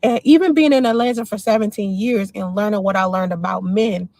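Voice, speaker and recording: She's a livestream host in her forties from around Washington, D.C., voicing her opinions while responding to viewers' comments. Her medium-pitched voice is brisk and a little mellow.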